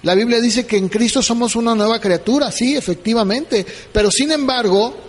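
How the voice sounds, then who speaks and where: Man, pastor preaching, high voice, echoing church hall. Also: moderate pace, husky. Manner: asks the congregation questions, acts out dialogues. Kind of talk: sermon.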